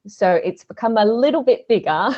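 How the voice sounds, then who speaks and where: A mellow, animated female voice on the higher side, at a moderate pace and muffled in the recording. The speaker, an Australian woman with an Australian accent who owns a social media business, chats as a casual podcast guest, laughing and using fillers often.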